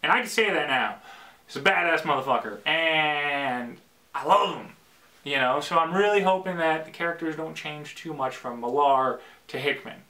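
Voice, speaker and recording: Excitable male solo host, bright and slightly high voice, rambling off the cuff. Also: a little fast. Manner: excitable, rambling, swings into loud bursts. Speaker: podcast host. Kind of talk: casual solo talk. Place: basement.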